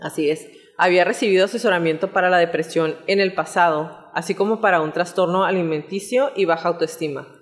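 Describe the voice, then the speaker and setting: A woman hosting a podcast, telling a true crime story in a relaxed narrating tone. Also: on the low side, fairly quick, few pauses, big-room sound. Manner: reads out chat messages in a relaxed narrating tone. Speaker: podcast host.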